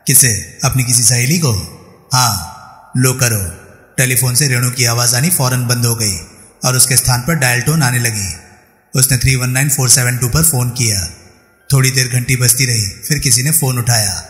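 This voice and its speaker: A man narrating a crime thriller audiobook in a steady storytelling manner. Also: medium pitch, moderate pace. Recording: roomy reverberant room, faint music.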